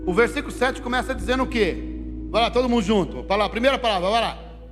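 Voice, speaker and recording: A male pastor from Brazil preaching a sermon, animated, moving between loud calls to the congregation and quiet asides. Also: high-pitched, fast. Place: church sanctuary. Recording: reverberant church hall with faint music.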